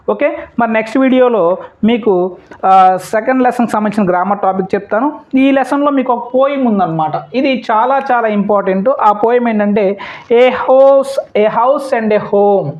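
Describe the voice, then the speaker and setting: A woman teacher runs an exam-prep lesson, repeating questions and answers and mixing English words into her explanations. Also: a little high. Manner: repetitive question-and-answer drilling. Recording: dull lo-fi audio.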